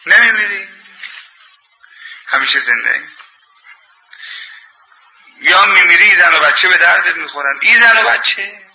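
A man's voice: high voice, expressive, creaky, long pauses, pushed and bright, low-quality recording. A man preaching a sermon in an impassioned, colloquial scolding manner, telling anecdotes.

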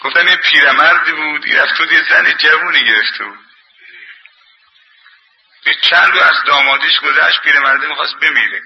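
Gravelly impassioned male preacher. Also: on the high side, long pauses, highs cut off, slight background noise. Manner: impassioned, colloquial scolding with anecdotes. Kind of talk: sermon.

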